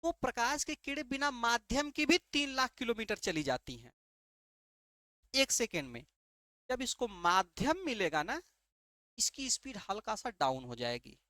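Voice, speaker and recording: A man's voice: extremely high pitch, big pitch swings, normal speed, bright, forceful tone, no room sound, clean studio sound. A male teacher giving an exam-prep lesson, asking rhetorical questions and answering them himself, and often repeating key terms. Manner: repeats key terms and checks understanding with "ठीक है".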